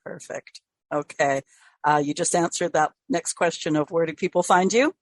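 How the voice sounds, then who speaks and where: An older woman hosts a podcast in a lowish voice, upbeat and friendly. Her voice sounds close and dry, with no room echo, as she moves briskly through the interview and the sign-off. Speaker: podcast host.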